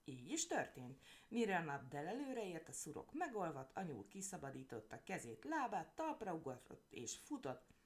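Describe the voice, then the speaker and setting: A woman reading a children's story aloud in a playful, expressive way. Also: low voice.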